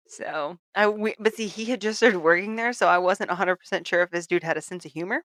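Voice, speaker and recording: A young woman co-hosting a casual podcast, chatting and telling an anecdote with animated quoted voices. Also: medium pitch, normal speed, dry recording. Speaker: podcast co-host. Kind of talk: casual chat, storytelling.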